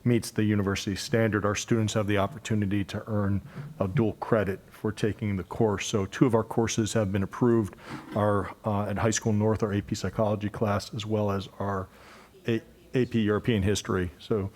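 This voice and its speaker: A man, a school administrator, presenting a course program to the board in a measured way with filler pauses. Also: lowish voice, level tone, a little mellow. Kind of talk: formal presentation. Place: school board meeting room.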